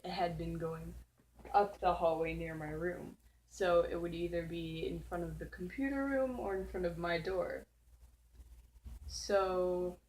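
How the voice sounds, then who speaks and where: A woman's voice: lowish voice, poor audio. A teenage girl hosting her channel, casually telling a spooky story at home in a rambling way, full of "like" fillers and giggles. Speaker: channel host. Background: faint background noise.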